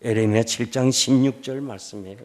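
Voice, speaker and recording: An older man, a retired pastor, preaching a revival sermon. He tells a story with acted-out quotes and swings from hushed, low lines to loud, impassioned calls. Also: fairly even intonation, a little fast. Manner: acts out quoted speech in the story. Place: church sanctuary.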